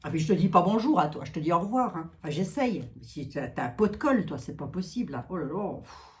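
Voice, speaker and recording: A French-speaking woman does a card reading, chatting casually with her viewers and peppering her talk with asides and "hein." Her voice sits on the low side, with lively intonation and a fast pace.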